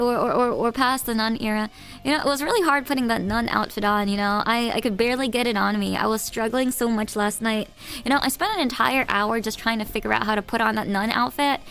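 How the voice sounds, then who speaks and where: Woman, high-pitched, gravelly fry, giggly, rambling, casual stream chat. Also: a bit bright. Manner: giggly, rambling, self-teasing. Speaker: live-stream host.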